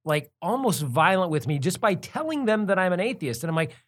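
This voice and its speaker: A man's voice: sits high, big pitch swings, a little fast, fairly bright tone. A man chatting casually in anecdotes, blunt and sweary, acting out the dialogue he quotes.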